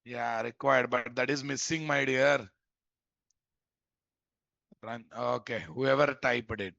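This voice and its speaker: A man's voice: mid-range voice, steady tone, slow, creaky, sharp tone, no echo, muffled recording. A man with a Telugu Indian English accent teaching an informal live coding class, repeating his instructions and quizzing students with questions. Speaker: programming instructor.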